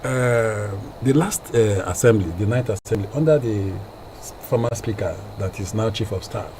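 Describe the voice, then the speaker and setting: A man's voice: fairly low pitch, moderate pace, dark tone, slight background noise, rough recording. A man speaking as a studio guest and researcher on a radio talk show, in an emphatic way with repeats for stress.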